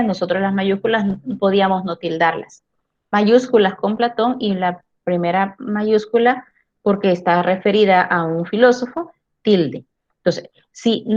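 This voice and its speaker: A woman teaching a philosophy class. She often checks in with tag questions and repeats words while she gathers her thoughts. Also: medium pitch. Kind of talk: class lecture. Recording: dull lo-fi recording.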